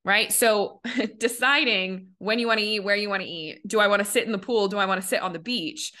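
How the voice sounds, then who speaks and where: Speaking at medium pitch with a slightly bright quality, this young money coach runs a casual podcast. Her talk is loaded with "like" fillers, and she performs the voices of anyone she quotes.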